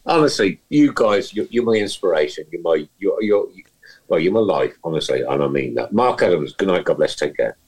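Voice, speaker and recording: A man's voice: deep voice, very animated, fairly quick, a little mellow, breathy edge, rough recording. A man co-hosting a casual podcast, signing off in a jokey, mock-sincere way and laughing often. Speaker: podcast co-host.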